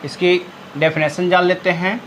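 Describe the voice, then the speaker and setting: Guy teaching grammar in class, says each term slow and twice, bit of hiss behind. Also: high-pitched, flat delivery. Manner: slow, repetitive dictation of terms.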